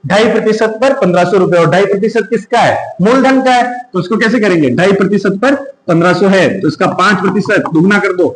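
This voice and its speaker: High-voiced maths teacher, echoey room. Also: male voice, a little fast, few pauses. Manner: works through sums step by step, asking and answering himself. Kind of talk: exam-prep maths lesson.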